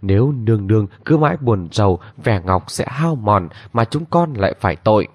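A man voicing a gentle young maidservant who pleads reverently with her mistress, on a dull lo-fi recording. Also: fairly low pitch, animated, normal speed, no echo. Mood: pleading.

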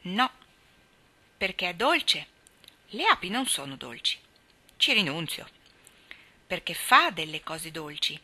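Gentle earnest boy, shy, storybook, woman reader, bright. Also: lowish voice, sing-song, takes it slowly, long pauses, heavily acted.

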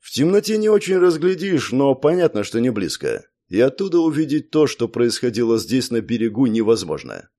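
A man reads a crime novel aloud in a steady, measured way. His voice sits at a middle pitch with a dark, mellow tone, unhurried and even throughout the narration. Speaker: audiobook narrator. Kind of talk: scripted narration.

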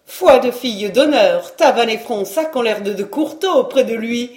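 A bold, teasing young chambermaid, played by a woman reader. She speaks up higher and louder, pushing and joking. There is a roomy echo on the voice. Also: normal speed, lightly acted. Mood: enthusiastic. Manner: lively, bossy, teasing.

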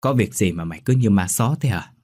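A man voicing a sharp-tongued older mistress who scolds and orders her servant about. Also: fairly low pitch, lively intonation, brisk, no room sound. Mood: scolding. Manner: scolding, commanding.

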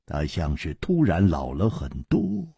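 Slow, husky male storyteller, wide-swinging voice. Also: very deep voice, huge pitch swings, warm tone, no echo, studio quality. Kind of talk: traditional storytelling.

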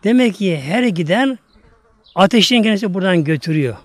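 High-voiced emphatic male preacher. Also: expressive, no echo. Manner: emphatic, draws out Arabic verses slowly; addresses congregation repeatedly. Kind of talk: sermon with storytelling.

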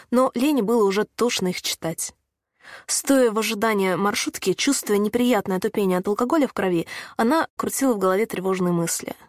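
A woman's voice: medium pitch, no room sound. Woman narrating an audiobook, dry sound. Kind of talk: scripted narration.

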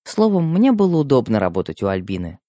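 A man reading a first-person story aloud as an audiobook narrator, with expressive storytelling. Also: mid-range voice, fast, no room sound, clean studio sound. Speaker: audiobook reader.

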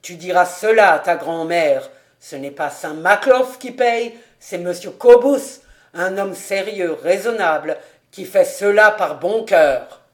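A woman voicing a serious middle-aged male tax collector who speaks loudly and emphatically, lecturing. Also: fairly low pitch, slow. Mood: grave, lecturing.

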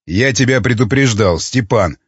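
A man reading an audiobook, voicing a gruff, steady adult searcher who speaks low, stern and blunt. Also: normal speed, no echo, dull audio.

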